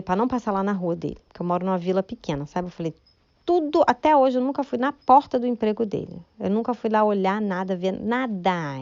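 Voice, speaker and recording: A church member shares her religious testimony out loud, telling it in a chatty, emotional way and often looking to her listeners to agree. Her mid-range voice is slightly mellow, recorded lo-fi with no echo.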